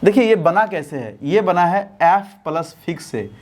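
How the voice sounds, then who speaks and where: A man teaches an English lesson in a classroom style, his voice pitched fairly high for a male. He often poses questions to his students and answers them himself. When he spells out words, he shifts to a slow, deliberate dictation pace.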